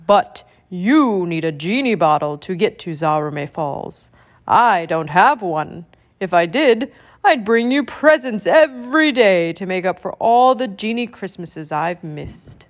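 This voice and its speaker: A woman doing santa for a storybook, jolly old guy with a big booming voice, takes his time. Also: expressive, lightly acted. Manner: hearty, slow ho-ho-ho delivery.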